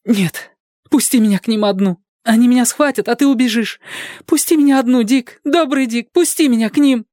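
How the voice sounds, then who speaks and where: A man's voice: very high voice, brisk, a little mellow, no echo, clean studio sound, pitched above the performer's own voice. A man reading an audiobook, voicing a frightened, brave young woman who has been disguised as a boy, pleading and breathless. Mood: desperate pleading.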